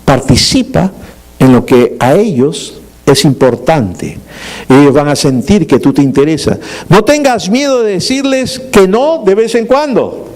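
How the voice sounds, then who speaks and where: A man's voice: on the high side, big pitch swings, a little slow, a little mellow. A middle-aged male pastor delivering a sermon in a conversational way, with humorous asides and frequent rhetorical questions.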